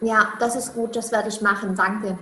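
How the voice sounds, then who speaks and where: Bright woman in an echoey room. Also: medium pitch, fairly even intonation, normal speed, a little hiss or hum. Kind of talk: casual chat.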